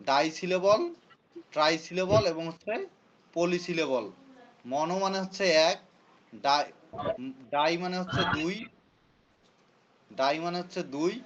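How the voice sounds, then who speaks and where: Man teaching a class, slightly high voice. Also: measured pace, long pauses, muffled recording, noisy background. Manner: repeats points and quizzes students. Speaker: English teacher. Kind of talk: classroom lecture.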